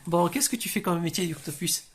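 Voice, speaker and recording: A woman's voice: on the low side, brisk, breathy edge. A woman playing a TV street reporter in an amateur comedy sketch, stumbling through questions with many fillers. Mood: interviewing. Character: TV street reporter with a southern accent.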